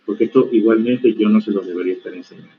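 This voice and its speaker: A stern man lecturing medical students over a video call, his voice sitting on the low side. He corrects his class firmly and plainly. The call audio is dull and lo-fi, with faint noise behind him. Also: racing. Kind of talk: online university lecture.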